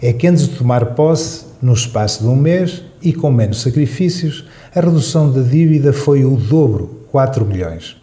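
A man reading his radio opinion column in a measured, dryly ironic way. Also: mid-range voice, expressive, mellow. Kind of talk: read radio opinion piece.

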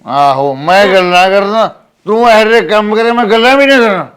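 A man's voice: high-pitched, brisk, fairly bright tone, clean tone. Surly drunk young husband, as a man plays him. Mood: defiant. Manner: surly, defiant back-talk. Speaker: son and husband. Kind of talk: village family drama acting.

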